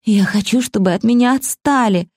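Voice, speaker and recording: A woman voicing a frightened, exhausted young woman in a storybook, speaking in a high, trembling, pleading voice. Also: big pitch swings, normal speed, warm tone, husky, no echo, clean studio sound. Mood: desperate.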